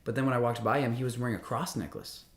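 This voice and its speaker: A man's voice: mid-range voice, fast talker. A young man hosting a livestream, chatting casually and playfully with his viewers, rambling through questions and answering messages. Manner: rambling, playful, talks to chat. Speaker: livestream host.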